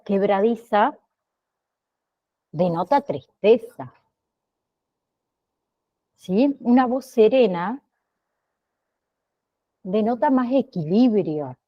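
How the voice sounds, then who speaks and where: Woman teacher, slow and steady, keeps asking "¿sí?", bit muffled sound. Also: mid-range voice. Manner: slow, checks in with frequent "¿sí?" and "¿bien?". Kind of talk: online class lecture.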